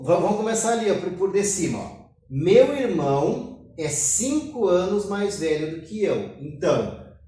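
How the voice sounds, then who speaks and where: Brazilian male math teacher, slow, step-by-step lecture, coughs at times; distant mic in a very echoey room. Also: on the high side, darkish tone. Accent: Brazilian Portuguese. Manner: explains step by step, keeps saying "ó". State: coughing now and then. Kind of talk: classroom lecture.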